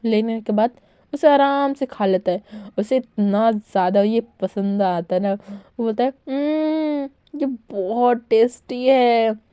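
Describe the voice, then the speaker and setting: Mellow-voiced woman retelling a story. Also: mid-range voice, steady tone, measured pace, clear, resonant tone, dry recording, highs cut off. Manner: chatty, filler-laden retelling. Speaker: fan-fiction narrator. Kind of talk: casual storytelling narration.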